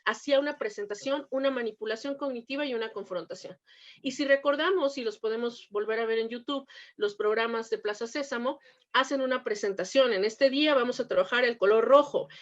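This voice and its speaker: A woman's voice: fairly high pitch, highs cut off. A woman giving a lecture to teachers, explaining step by step, asking rhetorical questions and restarting her phrases. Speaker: teacher trainer. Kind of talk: recorded lecture on preschool math teaching.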